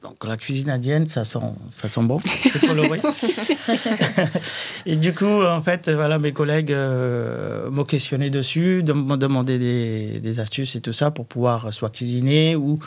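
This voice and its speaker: A man who founded a food brand, answering an interview question haltingly and leaning on fillers. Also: mid-range voice, animated. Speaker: food entrepreneur guest.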